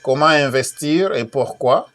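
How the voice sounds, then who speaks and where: A man from Congo gives a relaxed promotional talk for an upcoming business conference. He pauses often with fillers and repeats each question several times. His pitch sits in an ordinary middle range. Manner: many fillers and repeated phrases; hesitant, repeats key questions. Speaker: event promoter. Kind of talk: casual promotional talk with screen share.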